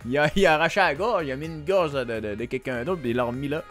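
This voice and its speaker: A man's voice: on the high side, quick pace, fairly bright tone, soft background music. A young man with a Québécois accent, chatting casually and teasing his viewers while streaming a quiz game, laughing often. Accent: Québécois French. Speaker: Twitch streamer. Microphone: desk microphone.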